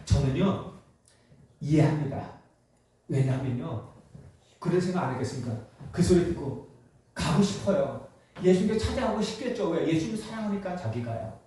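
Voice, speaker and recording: A man preaching a Sunday sermon as pastor, telling the story with animated rhetorical questions. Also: fairly high pitch, normal speed, long pauses, slight background noise. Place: church sanctuary. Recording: very echoey church hall from a distant mic.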